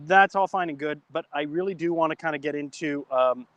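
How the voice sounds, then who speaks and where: A man's voice: on the high side, fairly quick, fairly bright tone, no echo, dull audio. A man hosting a live talk show, speaking casually with many restarts and stumbles, and telling a long joke in an easygoing way. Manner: chatty, self-correcting, jokey storytelling. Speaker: host.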